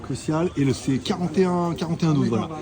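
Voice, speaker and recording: With a crowd audible behind him, a man with a fairly high-pitched voice speaks briskly during a casual vlog. He rambles, laughs and swears while walking through a busy indoor electronics market, where the ambience is noisy.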